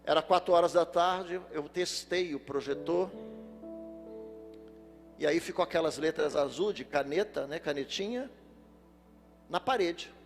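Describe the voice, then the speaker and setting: A male pastor preaching to his congregation in a slightly high, gravelly voice, mixing humorous anecdotes into the sermon. His words ring out with a long church-hall reverb, and soft music plays underneath. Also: a little slow, long pauses. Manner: lively storytelling, addresses the congregation directly.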